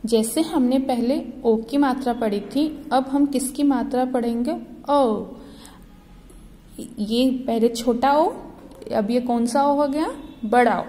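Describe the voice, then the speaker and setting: A woman teaching a Hindi lesson to small children at a slow, careful pace. Her voice is mellow and soft-edged, and she asks questions and then answers them herself. A long reverb trails behind her words. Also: a little high.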